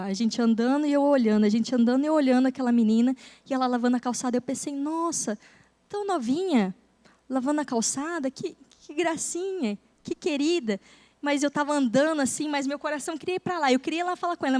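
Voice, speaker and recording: A woman preacher telling a personal story during a church service, acting out the conversations in a soft voice. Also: high voice, rapid-fire. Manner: storytelling, acting out dialogue softly. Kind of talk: sermon testimony.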